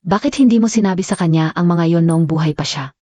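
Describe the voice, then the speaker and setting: A woman plays a cold, defiant heiress in a dubbed drama, speaking in a low, mellow voice. The delivery is accusing and firm, and the recording is close and dry. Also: fast talker, no room sound, natural voice. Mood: reproachful. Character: cold, defiant young woman heading a company. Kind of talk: dubbed short drama acting.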